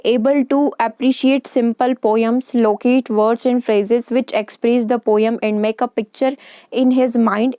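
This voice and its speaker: Mellow-voiced Hindi-speaking woman teacher. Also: a little high, clean tone, no echo, studio quality. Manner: explains in Hindi with English terms and quick check-ins; reads English lines slowly and carefully. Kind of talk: lecture on English teaching.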